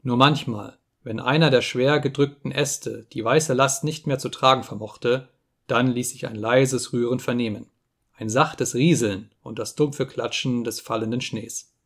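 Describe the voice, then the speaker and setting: A man reading a story aloud as an audiobook narrator, calm and measured, slowing on solemn phrases. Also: medium pitch. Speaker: audiobook reader.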